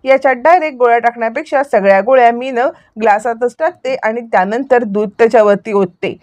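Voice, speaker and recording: A stubborn, sharp-tongued young woman from a TV serial, quoted by a woman telling the story. She pleads and insists that she gets her way. Her voice is fairly high and sits dry and close to the mic. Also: a little fast, no room sound, lightly acted. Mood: insistent.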